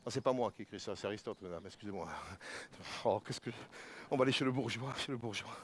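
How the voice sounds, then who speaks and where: A man, a stage actor, murmuring low, chuckling asides between scenes of a solo show at a gala. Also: quick pace, husky.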